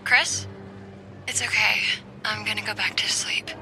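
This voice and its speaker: A drowsy, affectionate young woman, as a male narrator puts her on, talking low and almost in a whisper. She speaks slowly and gently over music. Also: little pitch movement, creaky, full character voice, poor audio. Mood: tender. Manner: soft, hushed and tender. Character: sleepy, loving young woman on the phone. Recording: background music.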